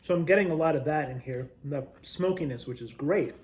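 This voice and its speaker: A man reviewing snacks as a video host, talking casually and chattily with pauses to taste and thoughtful hums. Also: a little high, darkish tone.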